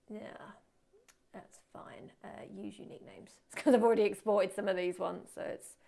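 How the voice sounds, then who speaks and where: Indoors at her computer, a female photography instructor runs a live webinar, chatty and self-deprecating, quietly muttering to herself as she works. Her mid-range voice has some vocal fry.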